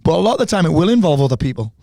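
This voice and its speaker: Fast-talking, animated man, close and dry. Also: fairly high pitch, vocal fry, dry recording. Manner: animated storyteller, swears freely. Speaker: podcast guest. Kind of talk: casual conversation.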